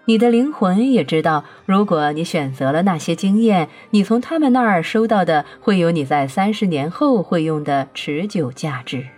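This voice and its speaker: A woman's voice: on the low side, lively intonation, normal speed, few pauses, darkish tone, faint music behind. A woman reading as a patient divine voice. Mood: serene. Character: patient, all-knowing divine voice. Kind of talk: audiobook reading.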